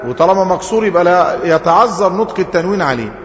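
The sheikh, who has an Egyptian accent, races through an Arabic grammar lesson in a high-pitched, animated voice, asking the class questions and answering them on his own. The sound is dull and lo-fi, echoing through a hall.

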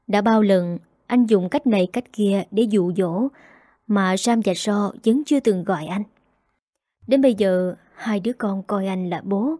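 A woman reading a first-person story aloud in a measured, sorrowful way. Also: medium pitch, warm tone, dry recording, clean studio sound. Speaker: story narrator. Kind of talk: scripted first-person narration.

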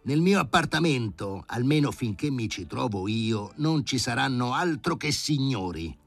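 A man voicing an elderly, gray-haired professor who is imperious and irascible, shouting in indignation in an audiobook reading. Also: medium pitch, animated, normal speed, gravelly, voice pushed up. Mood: indignant.

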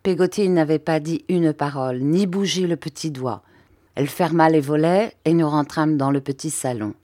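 A woman reads a classic novel aloud in a low, measured voice, keeping an even storytelling pace. She sits close to the mic, and the sound is dry with no room echo. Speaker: audiobook reader. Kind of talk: audiobook narration.

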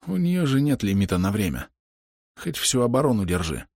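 A man voicing a dying young male archer whose quiet, strained speech is wry and fading. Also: lowish voice, very animated, normal speed, no room sound, clean studio sound. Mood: weak, wry. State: weak, coughing up blood.

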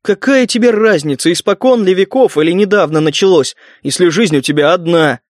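A man's voice: sits high, a little fast, no echo, lightly acted. Male reader doing a sly sweet-toothed mutant, cheeky mumble, dry studio voice.

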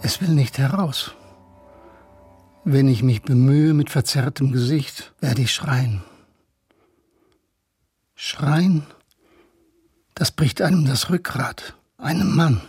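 Cast a grieving, strained man, breathy, very slow, dry close sound. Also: medium pitch, a little mellow, dry recording, soft background music. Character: grieving man unable to cry. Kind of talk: radio drama acting.

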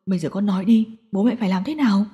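A woman's voice: mid-range voice, quick pace, dark tone, highs cut off, pitched below the performer's own voice, close to an everyday voice. A woman voicing a tearful older father in an audio story, pleading and choked up.

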